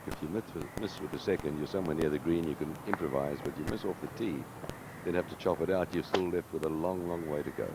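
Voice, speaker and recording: Very deep, gravelly male golf commentator. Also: fast talker. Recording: very noisy outdoor broadcast sound.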